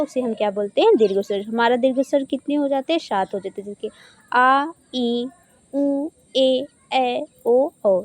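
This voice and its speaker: Teaching grammar for exam prep, a woman speaks in a high, warm voice with no echo in the recording. Her habit is to ask her own questions and answer them, and she stretches sounds out to show how they're pronounced.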